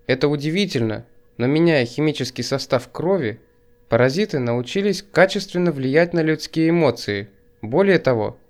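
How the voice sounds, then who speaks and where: A man narrating an audiobook in a measured, wry literary reading, also speaking as the first-person hero. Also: on the high side, darkish tone. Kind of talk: scripted narration.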